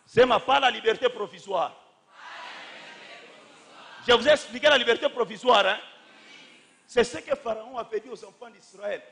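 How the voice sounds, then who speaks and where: A man preaching a fervent sermon, shouting and stretching phrases as he calls on the congregation to repeat after him. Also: very high voice, moderate pace, creaky, pauses often, a little hiss or hum. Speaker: pastor. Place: church during a live service.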